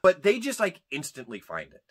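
A man's voice: high voice, a little fast. An American man co-hosting a movie review podcast, ranting casually and swearing a lot. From United States. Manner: ranting, profane, animated. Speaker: podcast co-host.

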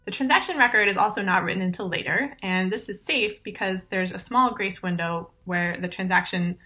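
A woman in her thirties presents a recorded conference talk over slides, speaking into a laptop mic. Her mid-range voice is bright and forceful as she walks through technical steps clearly and methodically.

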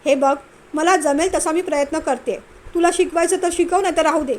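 A woman's voice: high voice, fairly quick, natural voice. A woman voicing a sulky young wife who complains tearfully and exaggerates. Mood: upset.

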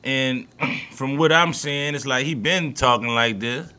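A man's voice: medium pitch, unhurried, pushed and bright, smooth. A man with a New Orleans accent co-hosting a podcast, talking sports in a loose, profane, emphatic way. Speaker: podcast co-host. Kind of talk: casual sports talk.

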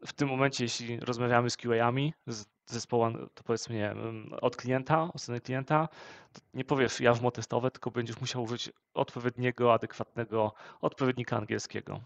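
A man co-hosting a vlog, giving steady advice with frequent hesitation fillers. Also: medium pitch, creaky, no echo. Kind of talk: casual advice chat.

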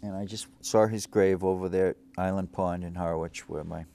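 Deep-voiced man rambling through local memories. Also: fairly even intonation, normal speed, vocal fry, dark tone. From Cape Cod, Massachusetts. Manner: meandering, reflective, many fillers and restarts. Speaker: local show host. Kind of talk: rambling local-history monologue. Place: small studio set, seated at a desk.

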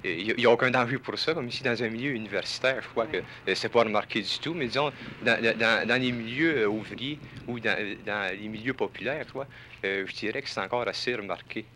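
A low-voiced man with a Quebec French accent hesitates and repeats himself as he answers a reporter outdoors. Street noise comes through clearly on this 1967 archival recording. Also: a little fast, pushed and bright. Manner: hesitant, many fillers and repeated words. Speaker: passer-by in a street interview. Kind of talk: casual street interview answer. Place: outdoors near a university.

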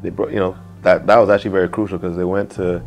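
A man's voice: deep voice, vocal fry. A young man from Nigeria, a music producer, talking casually in an interview in a music studio, often saying "you know". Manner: relaxed, fills pauses with "you know".

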